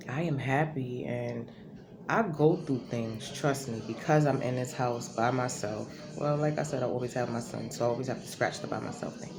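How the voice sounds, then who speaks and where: A woman vlogging from her home, talking in a casual, rambling way and correcting herself as she goes. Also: extremely low pitch. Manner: rambling, self-correcting, conversational. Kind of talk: casual talking-to-camera monologue. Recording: noisy home recording.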